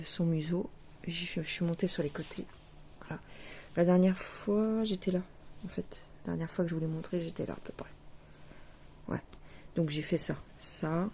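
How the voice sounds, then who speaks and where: A woman's voice: on the low side, moderate pace, pauses often, mellow, a little hiss or hum. A woman vlogger chatting casually about her cross-stitch projects in a chatty, self-mocking way, often dropping to a near whisper.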